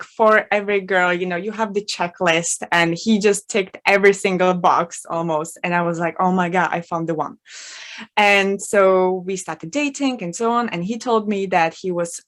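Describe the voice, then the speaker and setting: A woman from the in her thirties, a guest telling her own story in an interview, frank and animated, with many fillers. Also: medium pitch. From Czech Republic.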